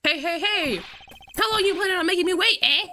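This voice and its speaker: A woman's voice: fairly high pitch, moderate pace, bright, forceful tone, a little hiss or hum. A woman voicing a brash older noodle vendor, with a put-on folksy drawl of an accent that wanders.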